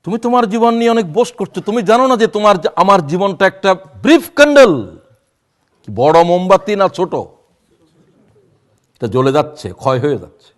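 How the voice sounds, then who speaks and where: A man in his sixties preaching a sermon, reciting prayers and quoting verse in a drawn-out voice that swings between loud and hushed. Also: high voice, sing-song. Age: 60s. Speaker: Islamic preacher.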